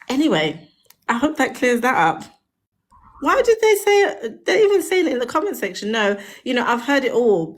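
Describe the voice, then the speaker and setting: A woman's voice: fairly high pitch, fairly bright tone. Chatty British woman on a live stream. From England. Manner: chatty, laughs often, emphatic. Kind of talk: casual live chat. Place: home in Cornwall.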